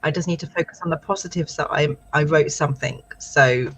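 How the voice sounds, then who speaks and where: Brisk and a bit breathy, this low-pitched British woman co-hosts a laid-back writing stream, thinking out loud and warmly reading out what viewers write. The recording quality is poor.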